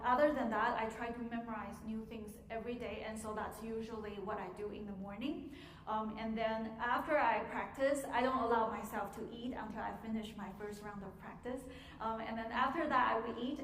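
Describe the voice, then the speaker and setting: A woman teaching a piano masterclass, answering audience questions in a measured way with frequent pauses and ums, in an auditorium. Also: fairly high pitch. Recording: echoey hall, faint noise.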